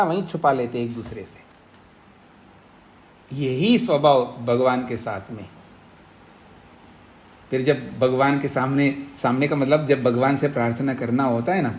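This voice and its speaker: In an ashram classroom, a middle-aged swami gives a scriptural lecture, explaining slowly with repetition and quizzing his students. His voice runs on the high side, and he acts out both sides of a debate in raised tones.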